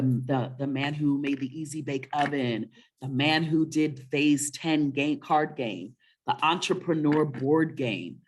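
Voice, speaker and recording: A low-pitched, slightly rough female voice belongs to a co-host of a children's story webinar. She chats casually in a warm, encouraging, motivational manner, regularly pausing to check in with questions.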